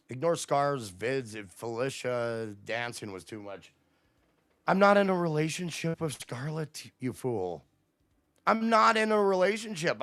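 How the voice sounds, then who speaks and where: A man's voice: on the high side, gravelly, no echo. A man hosting a livestream, ranting at his chat in a profane, combative way. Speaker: livestream host. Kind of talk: casual livestream rant to chat.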